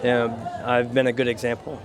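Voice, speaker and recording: A man's voice: medium pitch, completely flat delivery, moderate pace, some chatter behind. A man who is a fighter, answering interview questions casually in a modest, matter-of-fact way. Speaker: professional MMA fighter.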